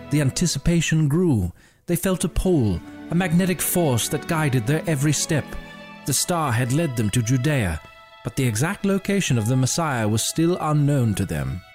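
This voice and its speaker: A man narrating a scripted story in a measured, dramatic storytelling manner. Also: fairly high pitch, a little mellow. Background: faint music.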